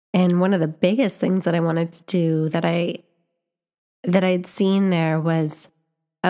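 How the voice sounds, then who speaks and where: A young woman from Canada talks to camera in a lowish, warm voice, reflecting earnestly in a personal vlog. She is a vlogger and teacher, and her speech is marked by restarts and repeated words as she looks for what to say.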